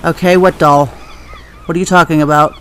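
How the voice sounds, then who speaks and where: A man's voice: on the high side, fairly even intonation, fairly quick, a bit bright, a little hiss or hum. A man giving casual game commentary, thinking aloud hesitantly and reading notes out. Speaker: video game player.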